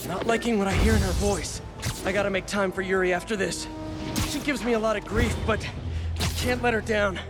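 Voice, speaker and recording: Man playing a high-voiced, wry young superhero. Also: steady tone, a little fast, over loud music, close to an everyday voice. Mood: earnest, concerned. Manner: conversational, wry, quippy asides to himself. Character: earnest, wisecracking young male superhero.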